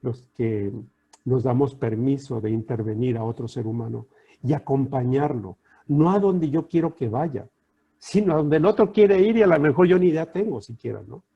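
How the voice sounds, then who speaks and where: A middle-aged Mexican man, a coach, giving a calm, reflective talk full of rhetorical questions over a video call. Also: mid-range voice, normal speed, creaky, breathy edge, highs cut off.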